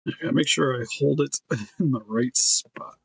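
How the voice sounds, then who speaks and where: A man's voice: mid-range voice, normal speed, gravelly, breathy edge, no room sound. Casual man chatting while customizing figures. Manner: relaxed, thinking aloud while sculpting. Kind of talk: casual work-along chat.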